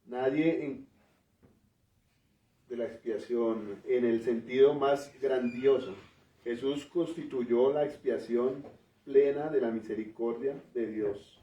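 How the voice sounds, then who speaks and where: A man preaching a teaching sermon, explaining word meanings in a measured way and often ending phrases with a questioning tag. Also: mid-range voice, fairly even intonation. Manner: pauses and restarts while working through word meanings. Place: church. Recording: roomy, distant, dull church recording.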